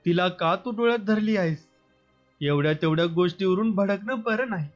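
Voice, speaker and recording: A man voicing a worried older village mother who reproaches her son softly. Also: high voice, moderate pace, lightly acted. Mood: soft, reproachful. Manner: reproachful, pleading. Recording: slightly muffled, soft background music.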